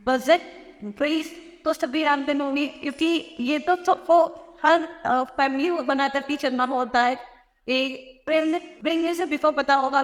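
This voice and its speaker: A woman with an Indian accent teaching a grammar lesson, explaining slowly and repeating each point. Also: high-pitched, long reverb tail. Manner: explains slowly, repeats phrases, mixes in English words. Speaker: English teacher. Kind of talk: classroom-style grammar lesson.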